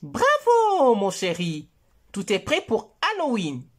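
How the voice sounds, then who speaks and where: A woman voicing a gentle, caring mother in a children's story, speaking softly and reassuringly. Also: a little high, wildly swooping pitch, full character voice. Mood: warm. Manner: soft, reassuring, slow.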